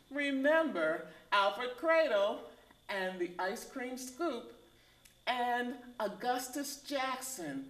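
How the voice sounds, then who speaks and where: A woman hosting a community talk show, explaining in a measured storytelling way. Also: medium pitch, roomy sound. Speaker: host.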